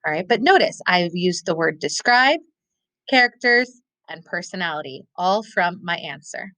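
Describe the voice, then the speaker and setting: A woman teacher giving a recorded lesson, thinking aloud step by step and slowing down to stress key words. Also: lowish voice, expressive, pushed and bright, dry recording, low-quality recording. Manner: models thinking aloud, slows to stress keywords.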